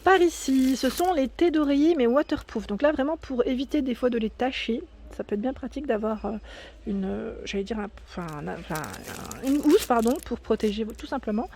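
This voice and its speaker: A woman's voice: on the high side, fairly quick, darkish tone, slight background noise. Chatty woman reading store prices. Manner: chatty, reading prices and labels aloud with fillers and self-corrections. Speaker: shopping vlogger. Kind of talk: casual store walkthrough. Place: inside a large discount store.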